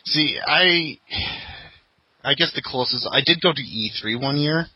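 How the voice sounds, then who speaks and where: A man's voice: on the high side, a little slow, sharp tone, slightly rough, no room sound, poor audio. A man hosting a casual podcast chat, talking loosely and laughing often. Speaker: podcast host.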